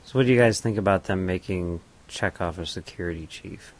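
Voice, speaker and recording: A man with a very deep voice talks through a film with friends. He builds his points slowly and hedges as he goes. The tone is casual. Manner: deliberate, hedging with filler phrases. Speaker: podcast commentator. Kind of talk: casual movie commentary chat.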